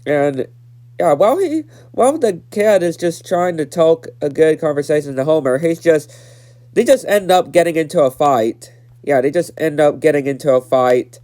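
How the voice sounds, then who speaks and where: With a mellow, fairly high voice, he talks animatedly at a normal speed while summarizing a cartoon episode. The nineteen-year-old's nose is stuffed up, and his casual recap is full of repetition and fillers.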